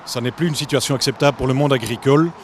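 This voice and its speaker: Firm, measured farm spokesman. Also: medium pitch, slight background noise. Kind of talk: statement to camera.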